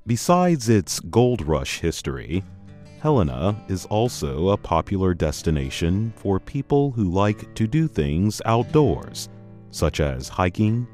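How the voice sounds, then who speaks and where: A low, mellow man narrates an educational program at a slow, deliberate pace. His pitch moves a lot as he stresses each word. It is recorded dry, with faint music underneath. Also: no echo. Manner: measured, carefully enunciated learner-friendly delivery. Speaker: program host.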